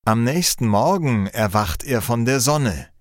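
A man reading a fairy tale aloud slowly and clearly, in a measured, expressive storytelling style. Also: medium pitch, no echo, clean studio sound. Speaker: narrator. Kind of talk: slow storybook reading for learners.

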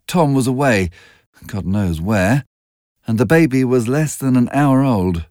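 A man's voice: mid-range voice, expressive, measured pace, darkish tone, dry recording, clean studio sound, close to an everyday voice. A man voicing a restless, cynical young wealthy woman with a breathless, mocking manner in an audiobook reading. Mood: wistful. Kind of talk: audiobook character voice.

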